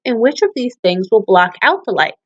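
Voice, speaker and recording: Reading poems aloud for children, this woman teacher explains things and keeps asking her young audience questions. Her voice sits on the high side with lively intonation and a slightly fast pace, captured in dull audio.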